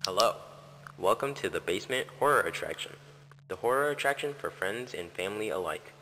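A man voicing the announcer of a horror attraction in a game, speaking in a formal, measured way. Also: on the low side, expressive, bright, forceful tone, slight background noise, rough recording.

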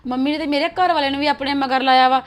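A woman's voice: high voice, steady tone, fast, close to an everyday voice. Woman playing a timid confiding sister-in-law. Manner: confiding, cautious. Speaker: actor. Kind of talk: web series drama acting.

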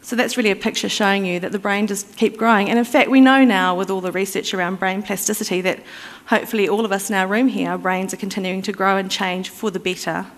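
A woman presents at a conference, explaining things conversationally with fillers and restarts. Her mid-range voice keeps a fairly even intonation, and she talks fast with hardly any pauses. The recording comes from a reverberant conference hall.

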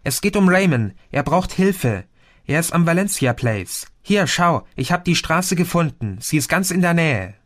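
A man's voice: fairly high pitch, lively intonation, a bit bright, voice pushed up. A man reading an audiobook voicing a young woman who talks hectically and pushes ahead. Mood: hectic. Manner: hectic, rushed.

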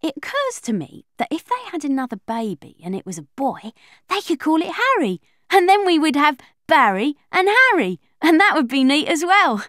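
A woman voices a chatty, confiding young girl in first-person narration of a children's audiobook, her high-pitched delivery at normal speed and full of lively schoolgirl energy. The studio-quality recording has no echo.

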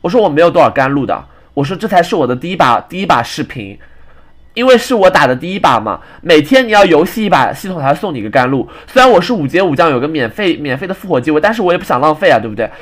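A young man recounts an annoying teammate from an online card game, griping and restarting his sentences as he goes. He talks quickly in a slightly high voice that swings up and down with feeling. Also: big pitch swings. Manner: ranting, exasperated retelling with frequent restarts. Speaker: game commentator. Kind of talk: casual gameplay storytelling.

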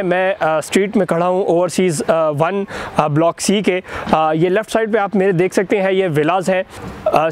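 A young man with a Pakistani Urdu accent hosts an outdoor real estate update, standing among half-built houses. His voice sits high for a man, and he talks to camera on a lapel mic. He fills pauses with "uh" and often restarts his sentences. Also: darkish tone. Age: young adult. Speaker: property channel host. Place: outdoors on a construction site street.

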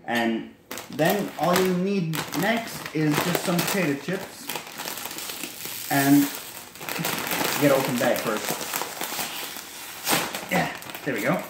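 Here a young man with a fairly high, lively voice walks through a recipe at home, speaking slowly and pausing often. He's a cooking vlogger shooting on a handheld phone, rambling, self-correcting and adding chatty asides, while heavy background noise, echo and faint clatter fill his kitchen.

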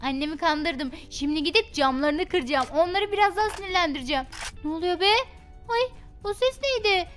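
A woman's voice: very high voice, animated, a little fast, fairly bright tone, soft background music. A woman voicing a mischievous little girl in a game role-play, giggly and teasing. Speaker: Minecraft roleplay YouTuber.

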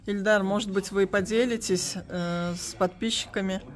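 A woman's voice: mid-range voice, fairly even intonation, moderate pace. A woman, chatting casually as a travel vlogger and guide out and about. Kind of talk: casual on-location vlog chat. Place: busy open-air bazaar.

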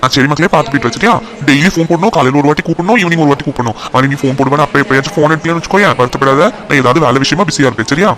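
A man playing a fast-talking fussing cartoon dad. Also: fairly high pitch, a bit bright, lightly acted. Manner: fussing, reassuring. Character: caring middle-aged cartoon father. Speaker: voice actor. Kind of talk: cartoon voice acting.

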